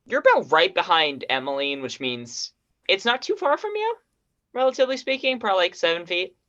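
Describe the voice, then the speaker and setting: A woman game master narrating a tabletop game, calm and matter-of-fact. Her voice is low yet ranges widely in pitch, and the stream audio sounds dull and lo-fi. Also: fairly quick.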